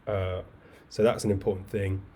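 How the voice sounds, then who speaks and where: Low-voiced man teaching code on a video call. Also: moderate pace. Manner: relaxed, chatty explaining with asides and fillers. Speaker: coding bootcamp instructor. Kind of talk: live online coding lecture. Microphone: webcam video call mic. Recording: faint background noise.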